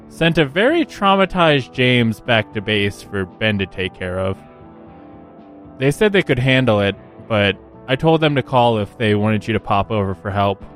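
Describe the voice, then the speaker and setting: A man's voice: lowish voice, close to an everyday voice. A man voicing a loyal male gang member giving his boss a hesitant report.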